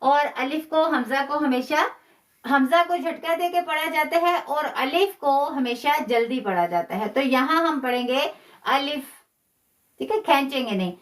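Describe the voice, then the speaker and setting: A woman teaching a live online Quran class, patiently repeating key phrases and slowing down to demonstrate pronunciation. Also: high voice, a bit bright. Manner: stretches words slowly when demonstrating pronunciation.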